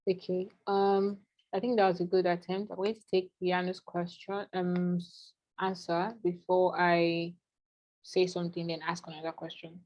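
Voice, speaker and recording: A woman's voice: fairly low pitch, level tone, moderate pace, a little mellow, highs cut off. A woman facilitating an online product management class, talking through ideas conversationally with frequent fillers.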